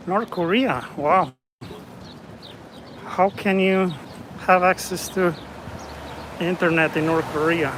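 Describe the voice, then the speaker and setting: A man from Romania casually narrating a walking tour of city streets as an independent reporter, chatty and relaxed. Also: sits high, takes it slowly, long pauses. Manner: relaxed, chatty, remarks on passersby. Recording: outdoor street noise behind.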